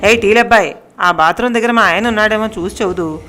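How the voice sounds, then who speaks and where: A woman voicing a frantic, sharp-tongued middle-aged wife who scolds and wails loudly in a storybook tale. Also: fast, slight background noise, natural voice. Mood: panicked. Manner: loud, shrill scolding and wailing.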